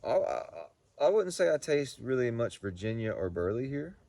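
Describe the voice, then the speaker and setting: A man giving a casual, unscripted product review in a halting, folksy way, often repeating words as he goes. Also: mid-range voice, very animated, dark tone, dry recording. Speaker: pipe tobacco reviewer.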